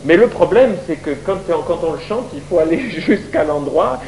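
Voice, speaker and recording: High, lively male Bible teacher. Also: moderate pace, low-quality recording. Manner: lively, questions the audience.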